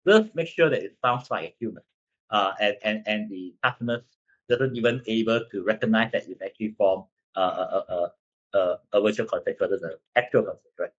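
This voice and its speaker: A man with a Cantonese accent, a native Cantonese speaker, giving a slide presentation in halting English and often tagging sentences with a questioning check. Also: lowish voice, breathy edge, lo-fi sound. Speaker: company presenter.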